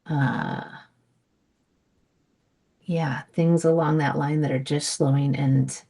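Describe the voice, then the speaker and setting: A middle-aged woman guest in a casual conversation, talking in a reflective, gentle way with many pauses and fillers. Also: sits low, fairly even intonation, creaky.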